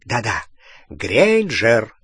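A man's voice: mid-range voice, wildly swooping pitch, drawn-out words, a bit bright, slightly rough, no echo, exaggerated voice. A man voicing a proud aristocratic male wizard who speaks insistently and commandingly.

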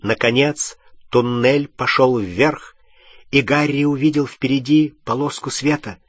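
Husky male audiobook narrator. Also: mid-range voice, fairly even intonation, measured pace, no room sound, clean studio sound.

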